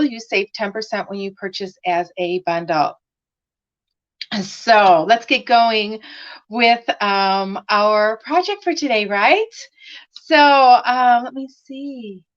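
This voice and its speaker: Chatting with her viewers by name during a craft live stream, a woman still getting over laryngitis speaks in a slightly raspy, medium-pitched voice full of fillers. The live stream audio is dull and lo-fi.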